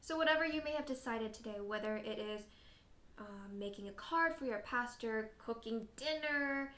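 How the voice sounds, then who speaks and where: A woman leading a children's worship lesson and prayer, gently asking the children questions and talking straight to them. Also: a little high, normal speed, reverberant.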